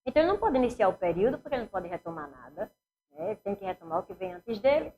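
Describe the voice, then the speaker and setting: A woman's voice: mid-range voice, big pitch swings, racing, phone-quality sound, a little hiss or hum. A woman with a Northeastern Brazilian accent teaching a grammar lesson for exam preparation, asking the class questions and answering them herself.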